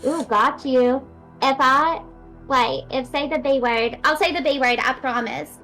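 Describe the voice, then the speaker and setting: A woman co-hosting a casual live stream, excitable and profane, gushing over guests. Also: sits high, unhurried, soft background music. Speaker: stream co-host.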